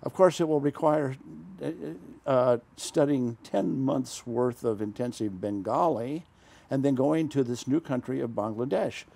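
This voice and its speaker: An older man, a retired diplomat, recalls his career in a relaxed interview, his mid-range voice creaky. He rambles and halts, with frequent "uh"s, self-corrections and chuckles, recorded on a lapel mic in a small, dark indoor studio.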